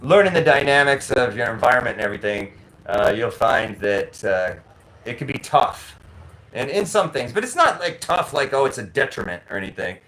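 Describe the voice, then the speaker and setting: Animated man telling a rambling story. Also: medium pitch, normal speed, rough recording. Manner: animated, acts out both sides of conversations with voices; rambling with frequent restarts. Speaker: vlogger. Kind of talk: casual storytelling monologue. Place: living abroad in a tropical city.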